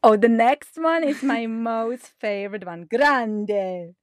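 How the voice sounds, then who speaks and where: A middle-aged woman who speaks English with a non-native accent, talking slowly and carefully to the camera. Her voice sits a little high, and she laughs often as she chats like a mother at home. The sound is dry and close. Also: animated, no room sound. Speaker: mother and vlogger. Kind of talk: casual talk to camera.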